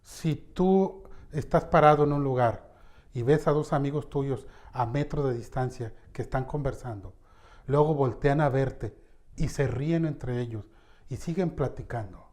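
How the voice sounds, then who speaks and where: A man teaching a lesson on public speaking, addressing the listener directly and shifting his loudness for emphasis. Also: mid-range voice.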